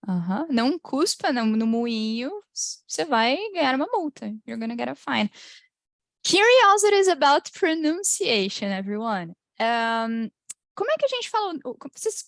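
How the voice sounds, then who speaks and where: A woman with a Brazilian Portuguese accent teaching English pronunciation in an online class. She laughs often and slowly draws out the model phrases. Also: sits high, dry recording, studio quality. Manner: lively, drawn-out model phrases, frequent laughs.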